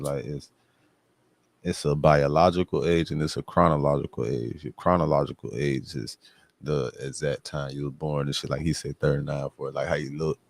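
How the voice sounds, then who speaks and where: A man with an extremely deep, gravelly voice keeps up loose, joking banter as the host of a casual streamed show. He talks freely and profanely, and the sound is close and dry. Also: darkish tone, no room sound.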